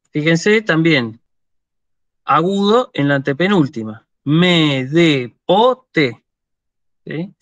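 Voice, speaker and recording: Lecturing online at university level, a man with an Argentine Spanish accent explains patiently and keeps checking in with his students. His fairly high voice is a bit bright. There's no echo, and the recording is dry, dull and lo-fi.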